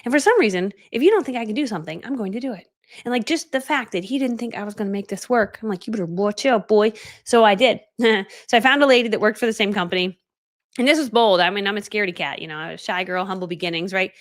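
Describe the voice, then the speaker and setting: Woman, forties, from Connecticut, rapid chatty live-stream coach, animated. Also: mid-range voice. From Connecticut, USA. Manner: chatty, animated, quoting herself, many "like" fillers. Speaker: business coach. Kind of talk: casual live-stream storytelling.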